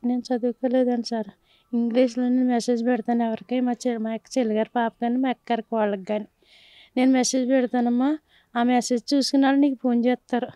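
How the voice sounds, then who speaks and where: A grieving mother with a Telugu accent speaks in a high but flat, dark voice, halting as she pleads. The sound is dull and lo-fi, dry and close. Her grief is steady throughout. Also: no room sound. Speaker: mother of the victim. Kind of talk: emotional news interview.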